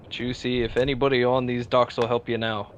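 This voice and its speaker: A man voicing a gruff, indignant old fisherman and boat captain in a tabletop role-play game. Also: mid-range voice, flat delivery, a little fast, slight background noise, close to an everyday voice. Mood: threatening.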